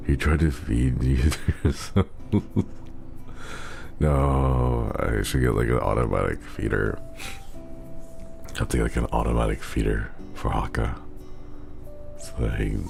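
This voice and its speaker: A tired man who sounds like he just woke up, chatting casually to his livestream viewers in a groggy, gravelly morning voice. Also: rumbling low. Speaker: livestream host.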